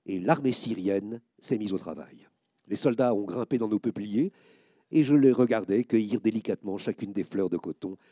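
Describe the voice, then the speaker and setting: A man reading first-person stories aloud, expressive, lifting his voice sharply when he quotes the people in them. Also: lowish voice, dry recording, studio quality. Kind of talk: scripted narration.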